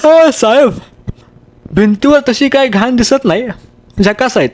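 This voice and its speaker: A man's voice: extremely high pitch, lively intonation, unhurried, darkish tone, pitched above the performer's own voice. A man voicing a lazy, cross-eyed male laborer who coaxes and complains. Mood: wheedling. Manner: coaxing, complaining, calls everyone sir.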